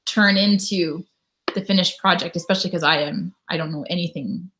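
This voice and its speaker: This YouTube host, a woman in her thirties from Canada, talks with her audience on a relaxed home live stream while reading out what they've commented. She speaks a little fast in a lowish register, with noise audible in the background.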